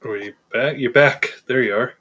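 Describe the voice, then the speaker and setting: A man's voice: medium pitch, normal speed, bright, forceful tone. A man chatting casually and unscripted as co-host of a live stream. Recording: faintly noisy live-stream audio.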